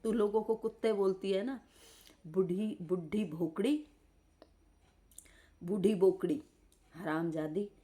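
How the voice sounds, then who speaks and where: A woman's voice: mid-range voice, takes it slowly, pauses often, mellow. A woman live streaming from bed, scolding and insulting someone in an angry roast rant. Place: lying in bed.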